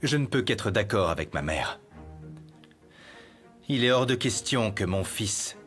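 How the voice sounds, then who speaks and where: A cold rich father in a dubbed TV melodrama. His voice is fairly low and full of contempt, with faint music behind it. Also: animated, unhurried, a bit bright. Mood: cold, scornful. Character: cold, contemptuous wealthy father rejecting his child's mother. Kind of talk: dubbed television melodrama acting.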